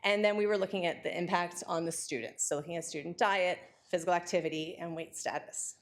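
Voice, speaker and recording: A woman giving an academic lecture, talking quickly and excitedly with frequent fillers and restarts. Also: lowish voice.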